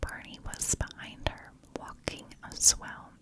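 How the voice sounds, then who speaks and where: A woman who hosts an ASMR true crime channel whispers a story without ever rising to full voice. She goes very slowly, doling out the narration in short, hushed phrases as she guides listeners through the tale.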